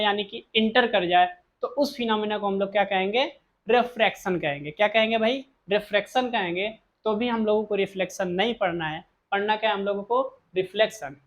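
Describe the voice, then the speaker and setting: A male teacher giving a physics lesson, asking rhetorical questions and answering them himself, repeating key terms. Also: high-pitched.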